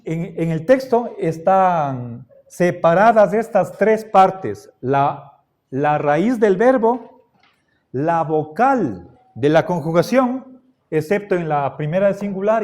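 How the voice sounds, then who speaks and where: A male teacher giving a Latin grammar lecture at an unhurried, careful pace, in a voice pitched somewhat high for a man. He repeats each form and keeps checking in with his students. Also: darkish tone. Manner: slow and deliberate, repeats forms, keeps checking with the class. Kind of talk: classroom lecture.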